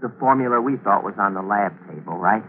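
In a 1940s radio drama, a man plays both narrator and lead, a cool schemer plotting a cover-up, speaking in a cold, clipped, commanding way. His voice is lowish and fast, lightly acted, and the broadcast sounds tinny with hiss.

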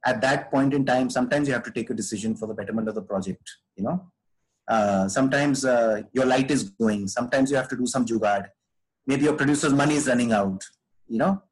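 A man's voice: medium pitch, fairly quick, rough recording. A man speaking as a podcast guest, giving earnest, conversational advice and repeating phrases for emphasis.

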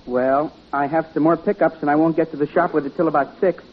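A slightly muffled old radio comedy recording of a man playing a polite delivery man. He has a fairly high male voice and a literal, matter-of-fact way of talking. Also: fairly even intonation, fast talker, lightly acted. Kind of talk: 1950s radio comedy acting.

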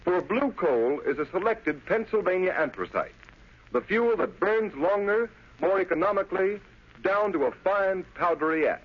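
A dull vintage radio recording of an American male announcer. His voice is fairly high and very animated, delivering a formal, emphatic sales pitch in 1930s style. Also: normal speed, slightly rough. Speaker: radio announcer reading a sponsor's ad.

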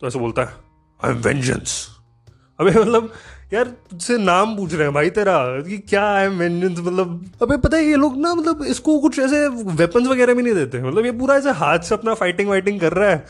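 Man, high-pitched voice, sarcastic comedic rant, animated and profane, faint background music. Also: normal speed.

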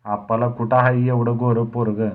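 A man voicing a brash, quarrelsome village boy who scolds loudly. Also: mid-range voice, level tone, normal speed, phone-quality sound, voice pushed up, lightly acted. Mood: scolding. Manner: loud scolding rustic talk.

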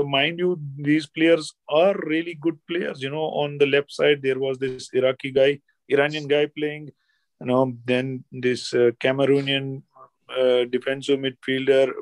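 A man with an Indian accent giving casual football analysis as a guest pundit, halting and repeating himself, often saying "you know". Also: medium pitch, no room sound. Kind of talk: casual sports analysis chat.

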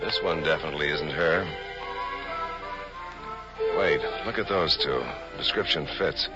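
An actor playing a calm FBI special agent in a 1940s radio drama, clipped and businesslike. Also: male voice, very deep voice, unhurried, loud music behind the voice. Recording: dull old radio recording with score.

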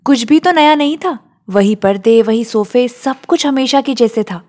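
Brief: female narrator, tender reflective storytelling, a touch high-pitched. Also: moderate pace. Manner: gentle, emotional, reflective.

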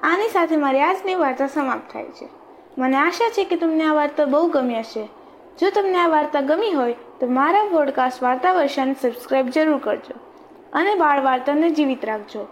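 High-voiced woman telling a children's tale. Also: expressive, a little fast, slight background noise. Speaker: storyteller podcast host. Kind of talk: children's story narration.

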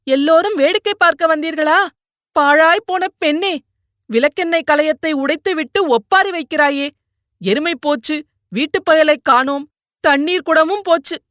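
A woman voicing a distraught mother character in an audiobook, scolding in a shrill, high lament. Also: moderate pace, a bit bright, no room sound, clean studio sound. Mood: wailing scold.

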